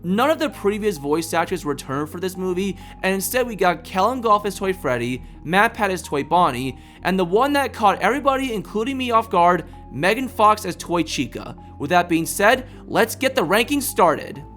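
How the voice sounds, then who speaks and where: A man's voice: sits high, lively intonation, normal speed, hardly any pauses, fairly bright tone, faint music behind. A man hosting a video, delivering scripted review commentary.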